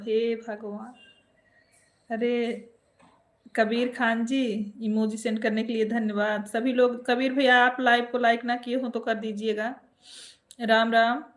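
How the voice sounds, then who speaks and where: A woman with an Awadhi accent chats casually on a phone live stream from home. Her voice sits a little high, and she teases her viewers playfully as she greets them one by one.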